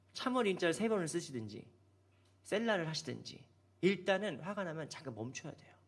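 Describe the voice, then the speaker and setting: A man's voice: sits high, fairly bright tone. A man preaching a Sunday sermon as pastor. He asks the congregation questions and acts out the people's complaints. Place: church sanctuary.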